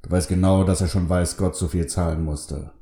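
A man voicing a weary, measured Wild West sheriff, close to his own deep voice, in a storybook reading. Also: steady tone, mellow, echoey room. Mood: stern.

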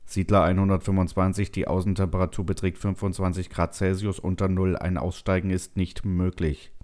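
A man voicing a calm, flat ship computer. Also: deep voice, lightly acted. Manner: flat, measured, formal. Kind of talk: audiobook voice acting.

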